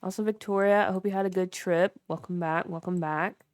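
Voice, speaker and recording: A woman's voice: fairly low pitch, fairly even intonation, a little fast, clear, resonant tone, no echo, studio quality. A young woman livestreaming, giving a chatty, filler-heavy tour of her game build and chatting with viewers. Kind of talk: casual livestream commentary while building in a game.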